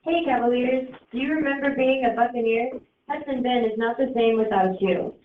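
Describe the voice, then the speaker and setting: A woman's voice: on the high side, normal speed. A woman reading cheerful school announcements over the intercom, in an inviting tone. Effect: heard over a school intercom. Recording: distant tinny intercom in an echoey room.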